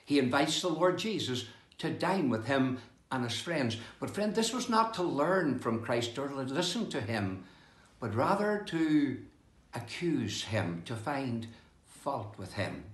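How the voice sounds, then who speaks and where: Slow, lively older preacher man. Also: medium pitch, reverberant. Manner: slow, emphatic preaching with rising and falling delivery. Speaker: pastor. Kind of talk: devotional sermon. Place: indoor room with bookshelves, seated with open Bible.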